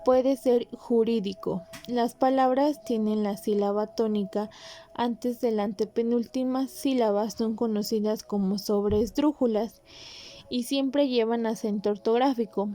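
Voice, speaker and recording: A woman hosting a podcast, calmly explaining Spanish grammar in a measured, instructive way with pauses. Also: a little high. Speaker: podcast host.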